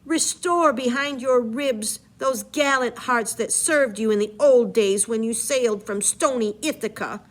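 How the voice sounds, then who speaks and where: A woman's voice: fairly high pitch, unhurried, few pauses, voice pushed up, natural voice. A woman voicing the immortal enchantress Circe, reading her lines aloud in a raised, dramatic way. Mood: commanding.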